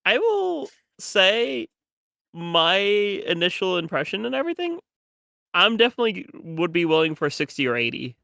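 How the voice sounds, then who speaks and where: A guest on a casual stream, chatting playfully, laughing easily and giving quick opinions while ranking characters. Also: medium pitch, wildly swooping pitch, gravelly, bright, forceful tone, no echo, studio quality. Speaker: guest co-host.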